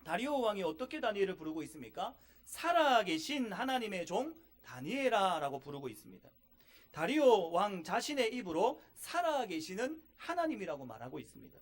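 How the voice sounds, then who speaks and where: A male pastor preaching a sermon, asking his congregation rhetorical questions and stressing key lines with emphasis. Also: high-pitched.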